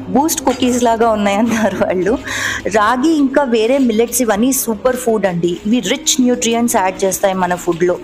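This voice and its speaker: A woman with a somewhat high voice talks through her kitchen prep in an easy, explanatory way, like a home cooking vlogger. Faint music plays softly behind her voice-over. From Telugu-speaking India. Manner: chatty, explanatory, mixing English words into Telugu. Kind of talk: voice-over narration of a cooking video.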